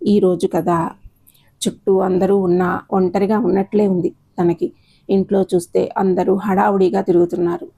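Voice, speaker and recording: A woman storyteller in calm, measured scripted narration of a moral audio story. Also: medium pitch, husky.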